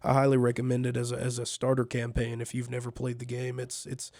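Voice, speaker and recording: A man's voice: mid-range voice, vocal fry, dark tone, no room sound, studio quality. A man hosting a casual solo fireside-chat podcast, talking in a laid-back, conversational way with a congested, nasal voice because he is feeling sick. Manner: laid-back, conversational, repeats words as he goes. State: under the weather, sick. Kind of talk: casual rambling fireside chat about gaming.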